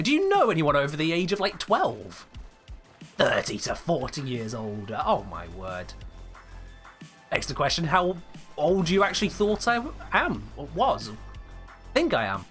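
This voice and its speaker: An English man in his twenties, streaming a game, chats loosely and reads viewer messages aloud in a jokingly affronted way, speaking with an English accent. His voice is on the high side and fairly bright in tone.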